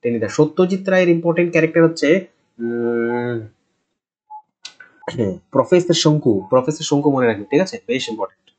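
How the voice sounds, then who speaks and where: A man's voice: a little high, animated, normal speed, long pauses, darkish tone, rough recording. A man teaching a casual exam-prep quiz lesson, talking conversationally and repeating answers with frequent check-ins. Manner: conversational, repeats answers, tags "ঠিক আছে?" often.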